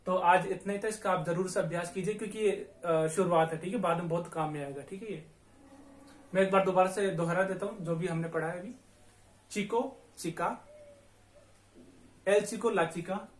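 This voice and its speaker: A man from India teaching a language lesson, speaking slowly and patiently, spelling words out letter by letter and repeating each one. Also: sits high. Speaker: Spanish teacher. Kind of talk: classroom-style language lesson. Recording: echoey room.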